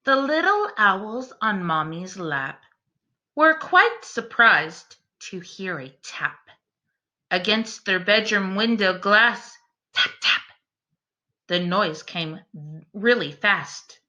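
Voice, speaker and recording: A teacher with a bright, medium-pitched voice reads a picture book aloud to children in an animated way. She is expressive and deliberate, speaking directly to her young listeners and asking them questions.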